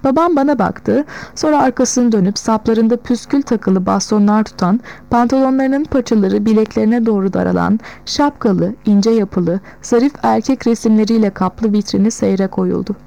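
A woman narrating a novel in the first person, in a measured storytelling manner. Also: a little high, vocal fry, mellow, poor audio. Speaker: audiobook narrator.

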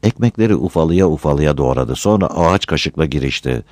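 A man with a very deep voice reads a story aloud, his pitch rising and falling freely. The sound is close and dry, with no echo. He tells the tale steadily between the characters' lines. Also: animated, fairly quick, darkish tone. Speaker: narrator. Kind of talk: storybook reading.

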